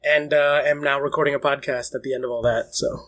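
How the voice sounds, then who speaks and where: A man's voice: medium pitch, flat delivery, fast, a bit bright. Sick man on a chat podcast. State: ill with bronchitis, coughing. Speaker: podcast co-host. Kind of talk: casual chat.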